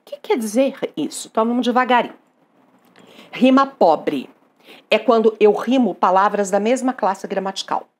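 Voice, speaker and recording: A Brazilian woman gives a literature lesson in an animated, emphatic way. She keeps checking in with her listeners as she explains. Her voice sits at an ordinary middle pitch for a woman. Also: normal speed. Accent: Brazilian Portuguese. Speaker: literature teacher.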